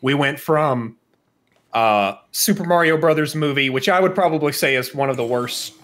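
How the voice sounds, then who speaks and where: A podcast co-host with a slightly high, fairly bright voice speaks at normal speed. He discusses films and games casually, thinking aloud in a rambling, conversational way.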